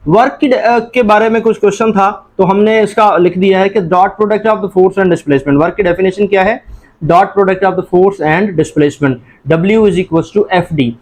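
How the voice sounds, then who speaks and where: Male test-prep tutor, Pakistani Urdu accent, high-pitched, question-and-answer drilling style. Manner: addresses listeners as janab. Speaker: teacher. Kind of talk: entry-test lesson.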